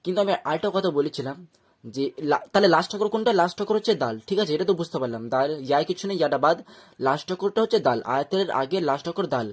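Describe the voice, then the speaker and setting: A man's voice: a little high, animated, rapid-fire. A man with a Bengali accent teaching Quran reading step by step, breaking words into syllables and often checking that learners follow. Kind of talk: step-by-step recitation lesson.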